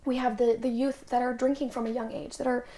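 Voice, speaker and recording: A woman's voice: a little high, little pitch movement, quick pace, warm tone. Chatty young woman podcast guest. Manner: chatty, acts out quoted dialogue; frequent filler "like". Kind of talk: casual podcast storytelling.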